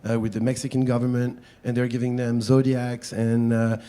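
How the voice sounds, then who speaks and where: A man's voice: mid-range voice, flat delivery, normal speed, mellow. A man from France with a French accent, speaking informally on a public panel in a chatty, self-deprecating way. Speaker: panel speaker, wildlife activist.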